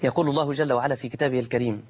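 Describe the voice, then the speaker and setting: A man's voice: medium pitch, steady tone, very fast. A man with an Egyptian accent preaching a colloquial sermon, firing off rhetorical questions and answering imagined objections from listeners. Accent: Egyptian Arabic. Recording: dull lo-fi recording.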